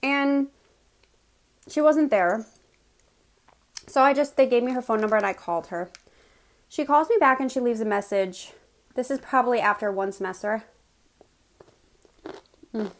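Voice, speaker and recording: A woman from West Virginia with an American accent tells personal stories in a casual, chatty way to viewers, pausing to chew as she eats. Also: on the high side, lively intonation. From West Virginia, United States. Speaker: mukbang host telling personal stories.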